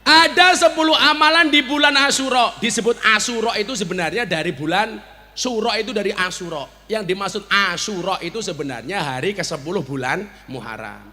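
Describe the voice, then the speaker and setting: A man with a Javanese accent preaching a humorous sermon, joking and bantering with the audience and now and then breaking into shouts. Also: high voice, expressive, brisk. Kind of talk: humorous sermon at a village gathering.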